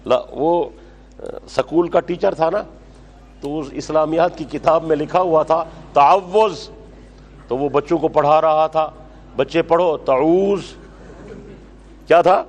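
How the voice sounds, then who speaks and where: A man teaches a religious class in a slightly high voice. He dictates slowly, repeats each phrase for note-taking, and quizzes his students sharply. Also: a little mellow. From Pakistan. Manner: scolds and quizzes students brusquely. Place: lecture hall with students.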